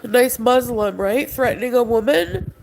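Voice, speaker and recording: Upset woman livestreaming, kinda high voice with lots of vocal fry, arguing back at someone. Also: lively intonation, moderate pace, a little mellow, slight background noise, poor audio. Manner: agitated, arguing with someone offscreen and addressing the chat. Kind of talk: emotional livestream rant.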